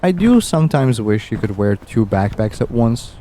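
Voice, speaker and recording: A man's voice: medium pitch, very animated, moderate pace, mellow, a little hiss or hum. A young man streaming a game, rambling and musing aloud with easy chuckles as he plays. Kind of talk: casual gameplay commentary.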